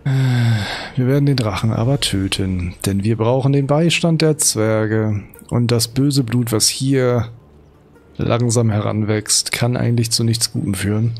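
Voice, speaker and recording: A man's voice: medium pitch, a little slow, darkish tone. A man giving casual let's play commentary, musing aloud as he goes. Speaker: let's player.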